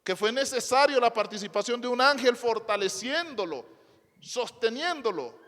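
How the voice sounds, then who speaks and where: A man's voice: extremely high pitch, lively intonation, moderate pace, fairly bright tone. A male pastor preaching to a congregation, emphatic, repeating phrases and asking rhetorical questions. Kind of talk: sermon. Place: church before a congregation. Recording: long hall reverb.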